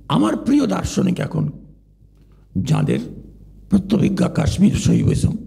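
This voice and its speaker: A man's voice: high-pitched, creaky, mellow. An older man giving a philosophy lecture in a discursive way, stopping to ask the audience questions.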